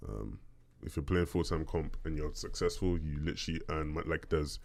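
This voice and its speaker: Man with a very deep bass voice. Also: animated, moderate pace, vocal fry. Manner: conversational, checks in with "right?". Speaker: podcast host. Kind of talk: casual solo talk, answering listener questions.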